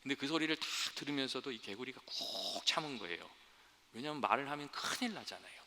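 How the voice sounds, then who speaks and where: A man's voice: medium pitch, animated, quick pace, pushed and bright. A male pastor giving a sermon in a church, talking earnestly to the congregation and telling a fable along the way. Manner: earnest, storytelling, addresses congregation directly. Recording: long hall reverb.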